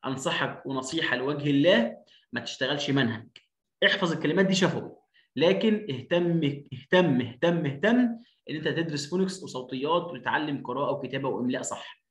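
A man's voice: fairly high pitch, fast, fairly bright tone. A man with an Egyptian Arabic accent teaching English phonics, repeating each word again and again with emphatic stress. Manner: drills words by repeating them, emphatic. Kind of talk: online lesson. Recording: roomy echo.

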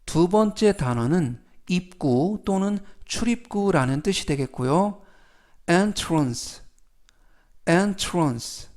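A man teaching English vocabulary in a slow, careful lesson narration, repeating each word clearly for learners whose first language is Korean. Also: a little high, a little mellow.

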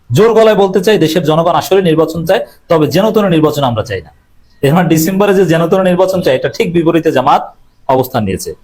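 A man's voice: a little high, darkish tone. A man delivering emphatic political commentary, repeating slogans and adding scornful asides with English phrases mixed in. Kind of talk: fast political commentary monologue.

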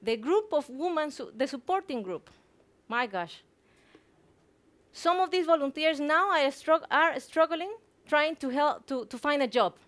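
Her voice is high-pitched, expressive and fairly bright, with a measured pace: a Guatemalan woman in her thirties, a native Spanish speaker with the accent to match. She's presenting a prepared talk at a conference, on a theatre hall stage with a headset microphone.

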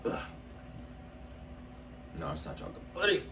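A man's voice: mid-range voice, wildly swooping pitch, moderate pace, bright, forceful tone. A man chatting casually as a contestant while eating gross jelly beans. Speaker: challenge contestant. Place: small room at a table, indoors. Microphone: camera a few feet away. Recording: echoey room, distant mic, faint noise.

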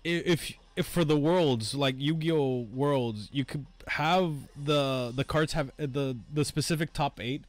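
A young man with a slightly high voice trades excitable banter while playing a game with friends. He laughs often and slips into playful character voices. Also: a little slow, hardly any pauses. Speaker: let's play co-host. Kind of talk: casual gaming banter.

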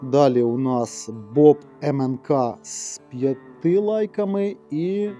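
A man with a Ukrainian accent co-hosting a casual show, reading out giveaway winners in a brisk, offhand way. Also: medium pitch, mellow, soft background music. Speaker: co-host.

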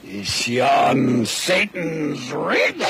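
An actor playing a sly, menacing poacher villain with a gravelly voice in an animated film. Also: male voice, mid-range voice, extremely slow, a loud crowd, exaggerated voice. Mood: sly menace.

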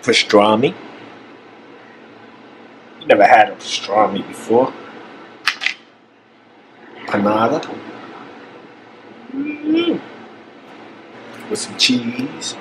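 A man's voice: medium pitch, sing-song, very slow, long pauses, noisy background. A man in his thirties filming himself at arm's length in a home kitchen, chatting jokingly while he cooks. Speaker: vlogger cooking at home. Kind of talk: casual cooking vlog. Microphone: handheld camera at arm's length.

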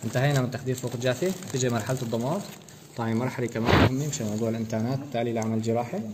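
A man's voice: mid-range voice, fairly even intonation, rapid-fire, very noisy. A man giving a practical anesthesia lecture, explaining procedure steps and quizzing students with rhetorical questions. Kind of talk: practical medical demonstration.

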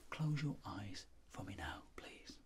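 In soft, whispered ASMR, a middle-aged man plays a clinic doctor who gives gentle, unhurried instructions. His pitch is fairly low and his manner animated.

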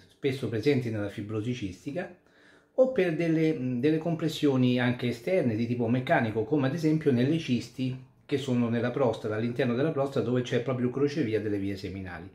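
Male doctor explaining to camera, measured and methodical, average pitch, recorded in a reverberant room. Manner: calm, methodical, explanatory with occasional restarts. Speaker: urologist and andrologist. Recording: echoey room.

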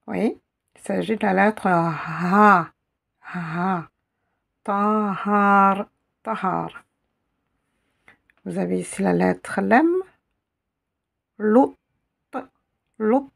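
A woman teaching a slow, patient language lesson who repeats each sound carefully. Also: mid-range voice, gravelly, slightly rough. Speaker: Arabic teacher.

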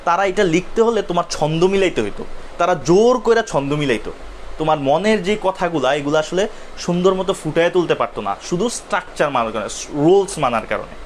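A man's voice: fairly high pitch, animated, fast, a little hiss or hum. A young man from Bangladesh teaching a live literature class, asking questions and answering them himself. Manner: explains step by step, asks and answers his own questions.

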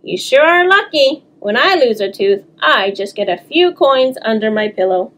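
A woman voicing an eager, envious little brother from a storybook, expressive and childlike in phrasing. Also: fairly high pitch, normal speed. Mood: curious, envious.

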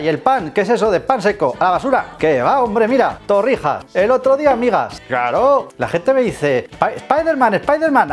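A man from Spain playing a chatty, rambling Spider-Man in a comedy sketch, lecturing kids with a Spanish accent. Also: sits high. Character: man in tights as homebound comic Spider-Man.

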